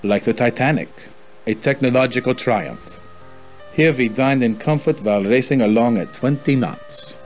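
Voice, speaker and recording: A man's voice: mid-range voice, animated, normal speed, a little mellow, faint music behind, lightly acted, low-quality recording. Man playing a haughty, formal German colonel. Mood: smug, proud. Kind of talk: video game character acting.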